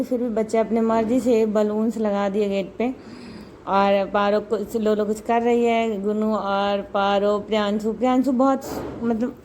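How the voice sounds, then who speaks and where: A woman's voice: medium pitch, darkish tone, a little hiss or hum. A young woman chatting casually through a home vlog, rambling and repeating words as she talks. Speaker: vlogger.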